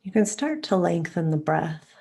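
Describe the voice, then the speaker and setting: A woman with a lowish, creaky voice and a breathy edge leads a meditation. Her manner is calm, soft and soothing, and she moves slowly, ending phrases with breaths and long pauses.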